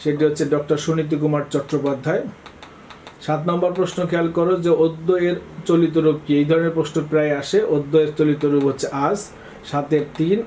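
Brisk male teacher quizzing students. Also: fairly high pitch, darkish tone, slight background noise, low-quality recording. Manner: brisk, reads questions then answers, says "haan" and "look" often. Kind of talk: exam-prep lesson for students.

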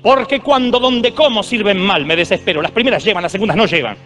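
A woman's voice: medium pitch, fast, over music, lightly acted. A man voicing a strict old-school female schoolteacher who declaims her lessons stiffly. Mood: declaiming.

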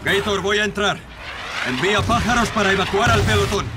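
Man playing a high-pitched commanding Castilian squad leader. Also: brisk, close to an everyday voice. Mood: firm, controlled. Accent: Castilian Spanish. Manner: authoritative, clipped orders. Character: commanding, resolute male squad leader in space combat. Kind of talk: dubbed military game voice acting. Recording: loud music and battle noise behind.

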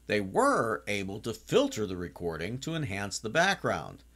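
A man in his sixties recapping a TV episode in a chatty, casual way, now and then breaking into animated exclamations. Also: on the low side, moderate pace. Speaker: TV series reviewer.

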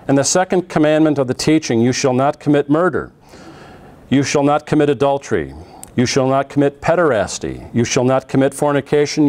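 A middle-aged man lecturing a class in a conversational way, often pausing on "uh" and restarting phrases, recorded on a lapel mic in a classroom. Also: medium pitch, a little mellow. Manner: conversational, with frequent "uh" fillers and restarts. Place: classroom in front of a projected slide.

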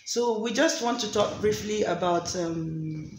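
A Nigerian woman vlogs on her own channel in a casual chat, using lots of fillers and restarting sentences. Her voice is medium in pitch with a measured pace, recorded in an echoey room with faint noise.

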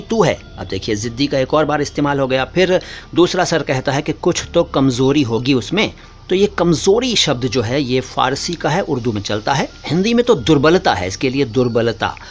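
A man teaching word origins in a casual, patient lesson, often repeating key words and calling his viewers brother. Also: medium pitch. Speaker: language teacher.

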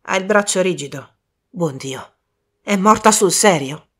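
A woman voicing a brash, hot-tempered young man in an audiobook, loud and indignant. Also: fairly low pitch, expressive, a little slow, breathy edge.

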